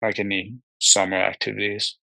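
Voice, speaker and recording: Brief: man with a gravelly, bright voice, dry offhand co-host, close dry sound on a video call. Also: on the low side, monotone, normal speed, dry recording, rough recording. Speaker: podcast co-host. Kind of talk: casual chat.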